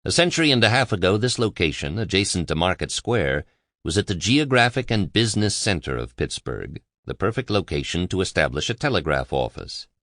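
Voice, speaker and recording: A man reading a biography aloud as an audiobook narrator, in a measured, even delivery. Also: low voice, no echo, clean studio sound.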